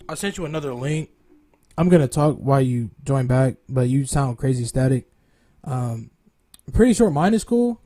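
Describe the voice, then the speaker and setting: Higher-voiced man casually hosting a sports show. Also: a little mellow, no room sound, clean studio sound. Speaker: host of a local high school sports show.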